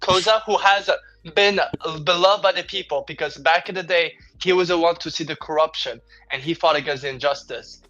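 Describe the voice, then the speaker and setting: A man with a French accent pitches like an eager salesman, tripping over his own restarts. His voice is bright and a touch high, and it comes through a dull, lo-fi home microphone. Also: brisk, few pauses. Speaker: podcast co-host. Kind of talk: playful sales pitch in casual chat.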